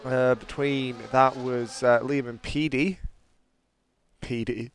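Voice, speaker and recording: A man giving excitable, chatty live commentary on a sim race. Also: mid-range voice, slow, slight background noise. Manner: excitable, exclaims at contact, chatty.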